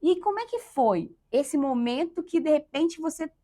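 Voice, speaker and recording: A woman's voice: high voice, lively intonation, normal speed, dark tone. A woman hosting an interview, encouraging her guest and speaking to the audience directly. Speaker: interview host. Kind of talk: conversational interview.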